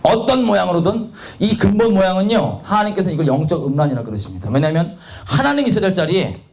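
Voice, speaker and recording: A man's voice: high voice, sing-song, fast, darkish tone. A man preaching a confessional testimony sermon, candid and self-mocking, acting out the voices of the people he quotes. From South Korea.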